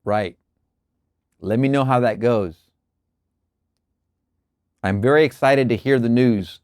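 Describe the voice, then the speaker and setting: A man hosting a show, reading spiritual lecture passages aloud in a measured, deliberate way and breaking off for relaxed asides and quiet chuckles. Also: medium pitch, no echo, clean studio sound. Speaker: host reading and explaining lectures. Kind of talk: reading aloud with casual commentary.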